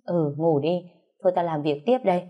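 A woman's voice: fairly low pitch, a little fast, lo-fi sound, lightly acted. A woman reader voicing a blunt young woman who pushes her friend frankly in a storybook reading. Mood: pushy. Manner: frank, teasing.

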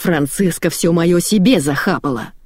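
A woman's voice: fairly low pitch, normal speed, darkish tone, no echo, studio quality, close to an everyday voice. A woman voicing a hysterical, vicious middle-aged woman who shrieks and sobs. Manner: shrieking, sobbing outbursts.

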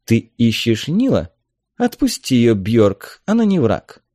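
A man's voice: mid-range voice, huge pitch swings, measured pace, dark tone, no echo, studio quality. A man voicing a gracious, composed noble woman in a storybook reading. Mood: gentle.

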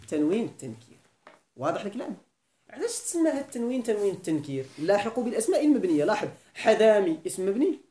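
In an echoey room, a man with a Moroccan Arabic accent teaches a classroom grammar lesson in a high-pitched, dark-toned voice. He quizzes his students with frequent questions and keeps repeating key points.

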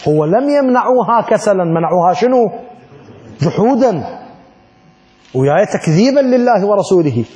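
Man, Iraqi Arabic accent, religious teacher, lesson, slightly high voice, mellow tone, rhetorical questions. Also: big pitch swings, normal speed, pauses often. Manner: asks the class rhetorical questions and acts out little dialogues. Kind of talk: classroom lesson on Islamic law.

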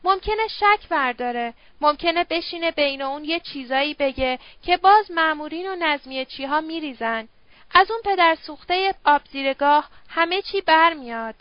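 A woman voicing a drunk, smooth-talking middle-aged male opium user who coaxes and wheedles. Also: high voice, lively intonation, dry recording, dull audio. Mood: coaxing. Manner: wheedling, slurred persuasion.

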